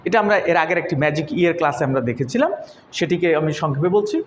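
A man teaching an English pronunciation lesson. He explains step by step, asks questions and answers them himself, and says example words slowly several times. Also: fairly high pitch, animated. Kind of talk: classroom lesson. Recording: echoey room, dull lo-fi sound, faint noise.

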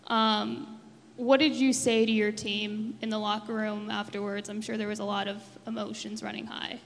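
A woman's voice: mid-range voice, level tone, moderate pace, in a large hall, a little hiss or hum. A woman reporter asking questions from the floor of a press conference.

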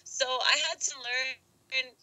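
Young actress guest, very bright voice, talks loosely with restarts and laughter. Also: female voice, sits high, fairly even intonation, takes it slowly, poor audio. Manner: rambling, laughs often, many restarts. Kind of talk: casual interview answers.

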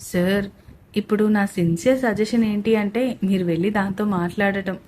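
A woman's voice: medium pitch, steady tone, normal speed, a little mellow, slight background noise, lightly acted. A woman voicing an innocent, cheeky young female student who talks in an artless, chatty way.

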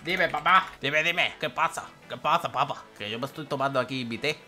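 A man giving excited gameplay commentary as a YouTuber, with loud exclamations and frequent laughter. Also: mid-range voice, normal speed, faint music behind. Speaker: gaming YouTuber.

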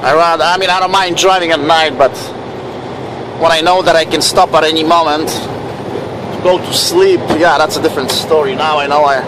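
A man's voice: a little high, steady tone, normal speed, noisy background. A man in his thirties with a foreign accent, English not his first language, vlogging from his truck cab at night in a rambling, swearing, self-mocking way. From Canada. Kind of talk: casual vlog diary.

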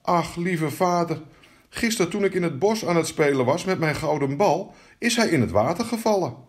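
A man's voice: fairly high pitch, animated, normal speed, voice pushed up, lightly acted. A man voicing a spoiled, fearful young princess in a fairy tale, stammering and whiny. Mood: pleading.

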